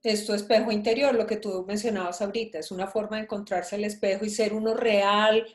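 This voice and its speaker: A woman hosting an interview, mostly giving short affirmations and calmly summing up ideas. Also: mid-range voice, brisk. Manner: brief affirming interjections, reflective summaries. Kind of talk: casual interview chat. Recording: echoey room.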